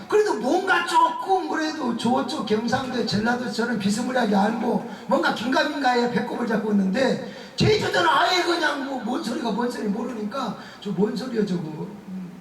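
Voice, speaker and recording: A man's voice: very high-pitched, moderate pace. A male pastor preaching a revival sermon, telling stories with humor and laughter. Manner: humorous, animated storytelling with laughter. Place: church sanctuary. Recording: echoey church hall, voice from far off.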